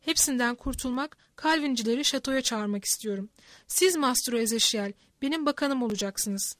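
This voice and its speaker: A woman reading the part of a scheming, menacing male nobleman in an audiobook, in a smooth, threatening way, recorded close and dry. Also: a little high, moderate pace, fairly bright tone, dry recording, close to an everyday voice.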